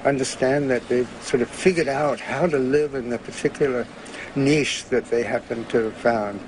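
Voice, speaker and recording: A man's voice: medium pitch, moderate pace. A man talking informally as an expert in a nature documentary interview. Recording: clear ambient background noise.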